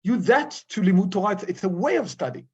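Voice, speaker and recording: A man teaching a Torah class as a rabbi in an informal lecture, halting and searching for his words. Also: high-pitched, big pitch swings, darkish tone, husky. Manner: halting, searching for English words with frequent pauses. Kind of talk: informal study-group lecture. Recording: dull lo-fi recording.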